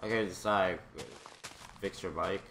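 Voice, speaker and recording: A deep-voiced man chats casually over a survival game, sounding more and more exasperated with his friend. His home mic carries a steady layer of hiss and noise. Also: measured pace, creaky. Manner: exasperated, repeatedly complaining. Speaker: gamer recording a let's play. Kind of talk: casual gaming chat. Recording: noisy home gaming mic.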